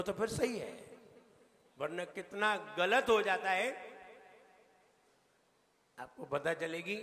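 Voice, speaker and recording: A man's voice: high voice, bright, forceful tone. A man, a monk, teaching a temple audience to pronounce their recitation correctly, playfully quizzing them again and again. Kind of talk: sermon and recitation class. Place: temple hall. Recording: long hall reverb.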